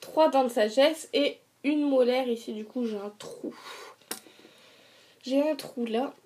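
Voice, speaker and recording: A woman's voice: high voice, slow, mellow, a little hiss or hum. A young woman chatting casually to camera as a vlogger, retelling her story in colloquial language with sarcastic asides and acted-out dialogue.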